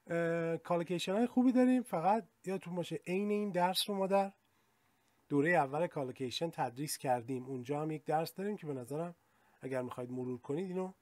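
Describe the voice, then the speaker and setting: An English teacher with a fairly high, darkish voice gives a vocabulary lesson in Persian, chatting through his explanations. He then slows right down to read the English example sentences clearly. The sound is dry and close, with no room echo.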